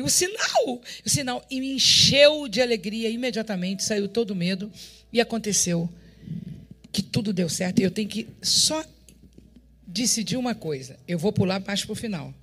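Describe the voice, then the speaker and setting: Uma pastora brasileira com sotaque brasileiro, dando um testemunho em tom dramático e animado, encenando os diálogos e rindo com frequência. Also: female voice, medium pitch. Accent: Brazilian Portuguese. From Brazil. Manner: animated, dramatic storytelling that acts out dialogue and often breaks into laughter. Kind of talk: testimony preached to a congregation.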